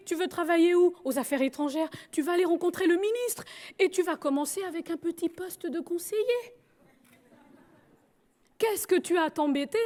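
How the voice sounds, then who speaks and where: A woman's voice: sits high, darkish tone, close to an everyday voice. A woman playing her stern older father, a respected authority figure, lecturing his daughter insistently.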